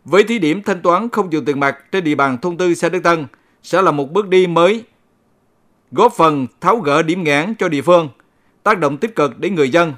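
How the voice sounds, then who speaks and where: A man reading a scripted local radio news bulletin in a formal, measured announcer's manner. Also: on the high side, a bit bright.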